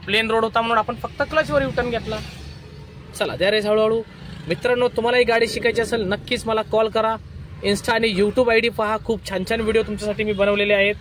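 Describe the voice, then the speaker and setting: A man giving a driving lesson from the passenger seat, calling out brisk step-by-step commands. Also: sits high, steady tone, fairly bright tone, a little hiss or hum. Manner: instructive, repeats steps, brisk commands. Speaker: driving instructor. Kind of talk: in-car driving lesson vlog. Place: inside a car in city traffic.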